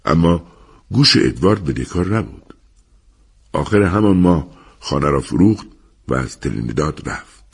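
A man's voice: deep voice, expressive, creaky, pauses often, husky. A man narrating a story in an audiobook, reading expressively.

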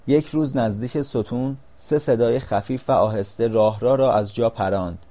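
A man narrating a storybook in a calm, measured reading voice. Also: medium pitch.

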